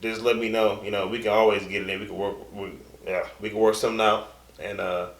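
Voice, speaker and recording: A young man with a low voice talks loosely and casually, trailing off into fillers as he goes. His voice bounces around an echoey room. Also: level tone, brisk. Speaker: co-host. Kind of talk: casual chat.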